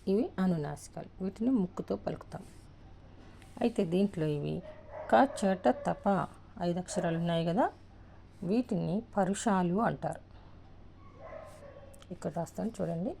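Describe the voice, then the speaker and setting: A woman with a Telugu accent teaching the alphabet, slowly repeating each letter one at a time. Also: fairly low pitch, creaky, dark tone, a little hiss or hum. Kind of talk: alphabet lesson, writing on a board.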